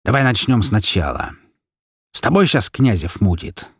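A man's voice: on the low side, big pitch swings, moderate pace, husky, no echo, clean studio sound, full character voice. A man voicing a crude, threatening gangster who curses as he questions a captive. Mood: menacing. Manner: coarse, threatening, cursing. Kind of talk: audiobook character voice.

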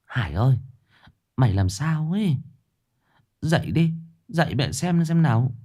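A man voicing a shrill, frantic village mother. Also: sing-song, unhurried, mellow. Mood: worried. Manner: shrill, stammering, pleading. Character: frantic worried middle-aged village mother.

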